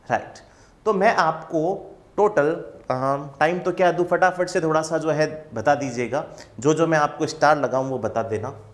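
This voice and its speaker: A young Indian man teaching English grammar in an online class, patient and reassuring, asking questions and then answering them himself. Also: a little high.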